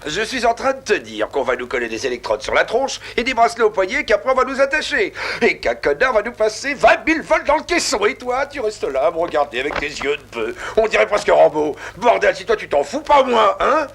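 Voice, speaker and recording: A man dubbing a fretful prisoner into French, excitable and complaining, swearing often, with film music underneath. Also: high-pitched, a little fast, creaky, hardly any pauses, full character voice. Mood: panicky. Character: loud, fretful man jailed, protesting innocence.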